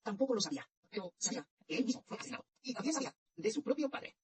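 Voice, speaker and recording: A woman tells a spiritual dream story in a measured way, often going back over her phrases. Her voice is very breathy and husky. Her pitch rises and falls in a lively way. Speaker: religious narrator.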